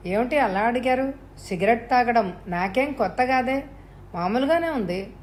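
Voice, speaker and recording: A woman's voice: on the high side, lively intonation, normal speed, a little hiss or hum, pitched above the performer's own voice, natural voice. A woman voicing a frightened man who stammers and murmurs anxiously. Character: frightened middle-aged man facing death.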